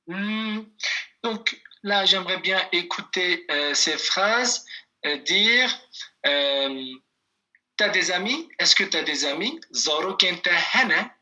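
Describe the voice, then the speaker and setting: A man teaching a language class over a video call, speaking slowly and patiently, repeating phrases and calling on students by name. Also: high-pitched, expressive, bright, forceful tone.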